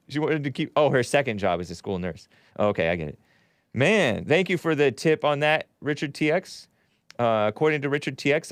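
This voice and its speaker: A man with a mid-range voice hosts a call-in show, arguing scripture with callers and quoting it, and reading viewer messages aloud with chuckles. The recording is studio quality, with no echo.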